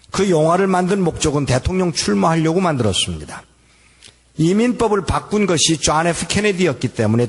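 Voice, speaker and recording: A man's voice: fairly high pitch, slightly rough. A man in his sixties from Korea, preaching a sermon and telling a personal testimony, acting out remembered dialogue. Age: 60s. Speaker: pastor. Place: large hall at a church gathering. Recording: echoey hall with long reverb.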